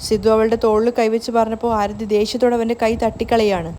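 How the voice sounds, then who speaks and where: A woman narrating a recap of a TV serial in a steady storytelling manner, reading every role herself. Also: on the high side, fast, a little hiss or hum. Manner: steady retelling, reads all roles herself.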